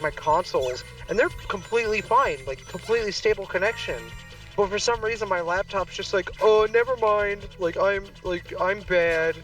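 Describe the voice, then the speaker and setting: A man's voice: high voice, fairly bright tone, recorded from a distance, poor audio. A man streaming a game and chatting casually, rambling with many fillers. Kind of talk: casual chat while gaming.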